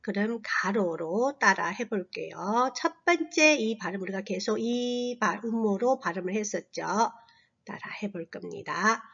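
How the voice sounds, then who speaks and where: A woman teaching a slow, patient language lesson to children, modeling sounds in long drawn-out tones and dropping to a soft whisper on asides. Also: mid-range voice, animated, highs cut off. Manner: drops to a breathy near-whisper on asides.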